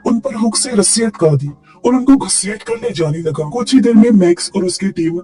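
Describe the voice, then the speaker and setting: A man narrating a film recap in steady, scripted storytelling. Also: high-pitched, moderate pace.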